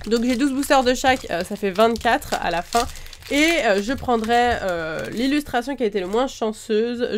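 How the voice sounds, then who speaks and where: Opening trading card packs on video, this slightly congested woman chats away and names each card in turn, peppering her talk with hesitant "euh" fillers. Her voice sits a little high, with a little hiss or hum in the recording.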